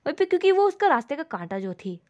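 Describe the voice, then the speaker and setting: Woman narrating a drama recap, kinda high voice, steady storytelling. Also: fast talker, lo-fi sound. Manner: steady retelling, leans on the filler "जो है".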